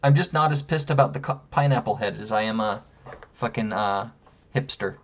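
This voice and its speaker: A man's voice: fairly low pitch, moderate pace, a little hiss or hum. A man ranting casually to camera in a room at home, heated and rambling, swearing constantly. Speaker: vlogger. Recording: dull lo-fi sound.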